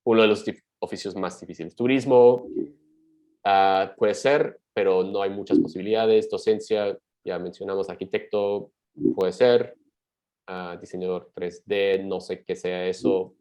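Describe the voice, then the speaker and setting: Low-voiced man answering webinar questions. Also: fairly even intonation, darkish tone, poor audio. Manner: reads out questions and answers them briskly, thinking aloud. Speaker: migration advisor hosting a webinar. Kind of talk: live webinar Q&A.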